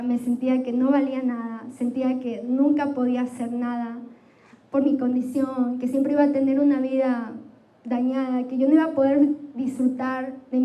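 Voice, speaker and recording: Una mujer joven que predica un sermón con tono sincero y se dirige a menudo a los oyentes preguntando "¿sí?". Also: female voice, high voice, dark tone, poor audio. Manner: earnest, addresses listeners directly with frequent "¿sí?". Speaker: preacher. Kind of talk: sermon to a youth church.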